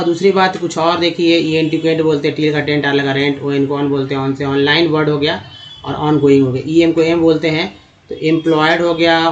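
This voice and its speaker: Man spelling out English sounds. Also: a little high. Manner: spells out letters and sounds them out patiently. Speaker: English reading teacher. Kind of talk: slide-based reading lesson. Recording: dull lo-fi recording.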